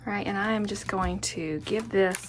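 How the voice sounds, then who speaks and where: A woman's voice: mid-range voice, normal speed, background noise. A woman giving a casual hands-on craft tutorial, chatty and murmuring encouragement to herself as she works. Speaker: quilting tutorial host. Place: indoors at a craft worktable.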